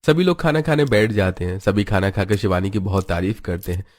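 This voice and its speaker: A man giving scripted narration for an animated story in a steady manner. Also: lowish voice, fairly quick, no echo, studio quality.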